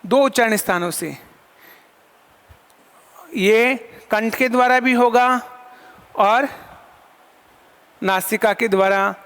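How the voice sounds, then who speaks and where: High-voiced man teaching in a reverberant hall. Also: slow pace, pauses often, fairly bright tone, clean tone. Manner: asks questions and answers them himself, counts items aloud. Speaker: Sanskrit teacher. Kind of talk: online lesson.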